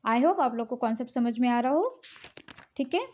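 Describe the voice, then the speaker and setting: Woman, high voice, patient phonics teacher, slightly muffled lo-fi audio. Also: lively intonation, normal speed. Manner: patient, repeats "ठीक है" often, mixes English words in. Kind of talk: explaining English phonics rules. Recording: dull, lo-fi recording.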